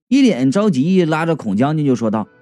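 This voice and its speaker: Male storyteller, animated and mellow, comic narration, faint music bed. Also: fairly high pitch, fairly quick, no echo. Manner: lively, colloquial, voices the characters.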